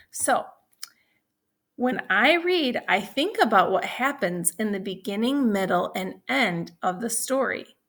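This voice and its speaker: A woman with a fairly bright, somewhat high voice teaches young children, reading a story aloud and explaining it in a deliberate, instructional manner.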